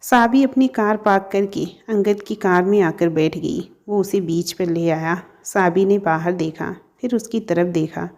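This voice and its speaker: A woman narrates a scripted family story in a mellow, warm voice. Her reading is steady and even, carrying the plot along at a calm pace. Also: on the low side, a little slow, hardly any pauses.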